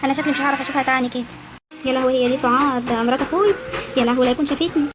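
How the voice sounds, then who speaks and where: A woman voicing a nervous young village man in love, speaking with a rural Egyptian accent in a hushed, worried way. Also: sits high, steady tone, racing, voice pushed down, natural voice. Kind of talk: amateur village drama acting. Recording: loud outdoor noise, chickens.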